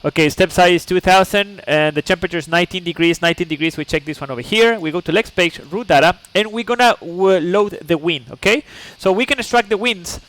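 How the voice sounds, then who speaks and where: Speaking English on a live flight sim stream, a man from Chile walks viewers patiently through every step, checks in with "okay?", and throws in chatty asides. He talks fast in a high, slightly bright voice, hardly pausing at all.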